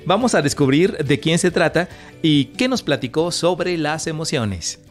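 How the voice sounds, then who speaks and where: Brief: man, kids' radio presenter, slightly high voice, faint music underneath. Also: expressive, measured pace. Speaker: host. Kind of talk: scripted children's radio presenting.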